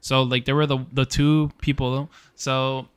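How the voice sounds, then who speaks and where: A man's voice: mid-range voice, flat delivery, measured pace, smooth. A young man co-hosting a casual podcast over beers at a bar, rambling and swearing freely as he retells movies. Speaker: podcast co-host.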